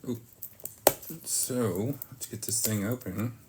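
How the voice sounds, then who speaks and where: Slow, halting live stream host. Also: mid-range voice, heavy background noise. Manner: drawn-out, halting delivery, breaking off to greet viewers. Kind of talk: casual live stream chat while unboxing oracle cards.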